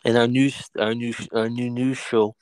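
A man's voice: mid-range voice, flat delivery, normal speed, darkish tone, clean tone, dry recording. Casual young guy hosting a podcast, cocky and swearing, restarts a lot, mid voice, dry mic. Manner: boastful, swears, trips over his words. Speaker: podcast host. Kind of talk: casual chat.

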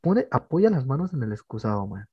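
Tico joven, ronco y muy expresivo. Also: male voice, medium pitch, fairly quick, slightly rough, no room sound, dull audio. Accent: Costa Rican. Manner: animated storytelling, says "mae" constantly. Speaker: podcast co-host. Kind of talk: casual chat among friends.

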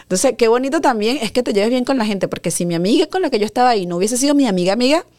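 A woman hosting a podcast, telling a personal story in a casual, animated way and acting out the quoted voices. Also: rapid-fire. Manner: animated, acts out quoted voices, dramatic pitch jumps. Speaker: podcast host.

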